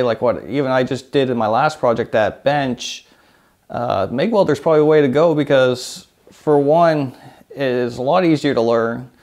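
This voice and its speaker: A man in his thirties hosting a workshop video, talking casually to the camera in an indoor home shop with a lapel mic, relaxed and rambling with lots of fillers. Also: mid-range voice.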